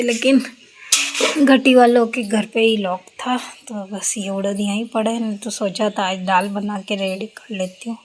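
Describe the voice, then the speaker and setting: A woman's voice: medium pitch, background noise. A young woman, chatting casually at home as she explains her household chores step by step. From India. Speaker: vlogger. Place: home, indoors.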